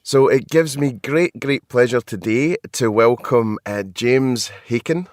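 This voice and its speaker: A man's voice: mid-range voice, measured pace, dry recording, studio quality, soft background music. A man with a Scottish accent hosting a marketing podcast, chatty and self-deprecating, laughing often. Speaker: podcast host. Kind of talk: casual podcast chat. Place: hotel.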